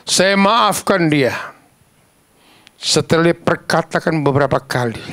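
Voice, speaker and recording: A man preaching a sermon, telling stories in a lively, casual, slangy way and acting out the voices of the people in them. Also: on the high side, unhurried, no echo. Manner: animated, acts out quoted voices.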